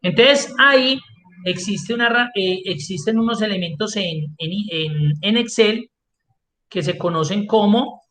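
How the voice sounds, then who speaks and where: A man's voice: high-pitched, measured pace, pushed and bright, a little hiss or hum. A man teaching an online class as an instructor, explaining step by step and answering his own questions. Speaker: Excel instructor.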